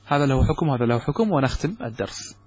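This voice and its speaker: Guy teaching grammar, gulf arabic accent, kinda husky, asks himself questions and answers. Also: mid-range voice, expressive, darkish tone. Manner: repeats example words slowly and stresses them. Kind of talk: explaining a grammar text in a lesson.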